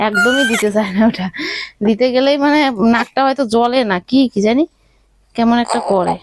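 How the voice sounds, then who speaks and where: A woman's voice: fairly high pitch, brisk, very noisy. A young woman vlogging at home, coaxing and soothing her baby in sing-song baby talk. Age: young adult. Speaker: vlogger, new mother. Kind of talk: casual vlog talk to her baby and viewers. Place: village home, indoors.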